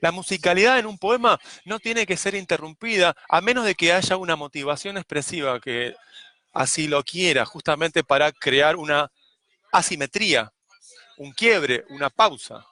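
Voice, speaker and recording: A man gives a poetry lesson in a measured, explanatory way. He now and then beats out rhythms in sung syllables. His voice sits a little high, bright and forward, recorded dry and close. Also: no room sound. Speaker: poetry teacher.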